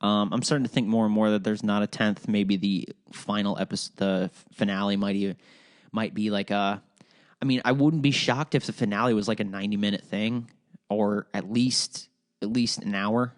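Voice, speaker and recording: Recorded cleanly in the studio with no room sound, a young Midwestern man from Ohio hosts his podcast alone. His lowish voice holds a steady tone at normal speed, while his delivery rambles, swears, and stumbles through fillers and restarts.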